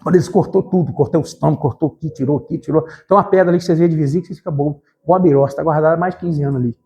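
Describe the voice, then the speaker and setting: A man preaching an evangelical sermon in church, fervent and emphatic, addressing the congregation directly and rising to shouts. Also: on the high side, rapid-fire, dull audio.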